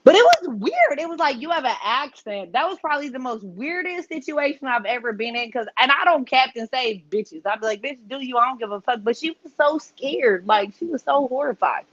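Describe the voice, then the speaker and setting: A female podcast guest tells a story in a casual, profane, animated style, acting out the voices of people she quotes. Her voice is high-pitched and a little fast, with hardly any pauses, and the sound is lo-fi.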